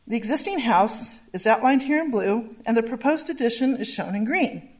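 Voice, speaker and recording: A woman with a fairly high voice walks a public hearing through a zoning staff report. She speaks in a measured way and reads steadily from her slides. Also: lively intonation. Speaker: planning staff presenter. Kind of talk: formal public hearing presentation.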